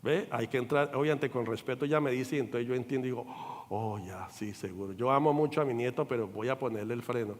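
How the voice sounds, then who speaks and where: An older man, a pastor, preaching a sermon with animated delivery, acting out quoted voices and checking in with the congregation. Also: medium pitch, quick pace, hardly any pauses, big-room sound. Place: church sanctuary.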